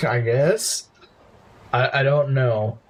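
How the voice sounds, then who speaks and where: A young man casually commentating a video game, quick to complain and laugh. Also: mid-range voice, slight background noise. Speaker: let's play host.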